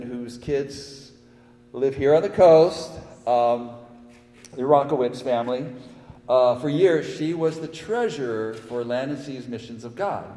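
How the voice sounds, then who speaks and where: An older male pastor preaches slowly in a mellow, slightly raised voice, wandering through his points with plenty of ums and then swelling into emphatic declarations. His voice rings through a church hall with a long, roomy reverb. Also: mid-range voice. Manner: rambling, halting with many fillers, rising to emphatic peaks. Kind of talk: sermon.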